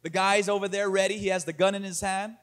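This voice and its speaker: A man preaching a sermon as pastor, moving from calm talk to loud emphasis. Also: high voice, quick pace.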